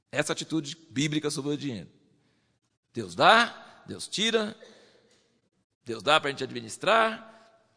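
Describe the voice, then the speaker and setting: A man preaching a sermon, lively, acting out believers in quoted voices. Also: on the high side, big-room sound.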